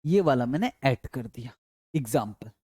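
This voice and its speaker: A man's voice: mid-range voice, animated, normal speed, warm tone, slightly rough, no room sound. A male teacher lectures in a dry, close sound, walking through each step and coaxing his listeners along. He keeps repeating points and answers the questions he puts to the class himself. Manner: repetitive, coaxing.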